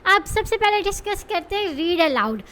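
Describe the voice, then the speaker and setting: A woman's voice: extremely high pitch, big pitch swings, moderate pace, pushed and bright. A woman tutor, explaining an English test in a casual lesson, mixing English terms into her speech and asking her viewers rhetorical questions. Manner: explains with many rhetorical questions and check-ins.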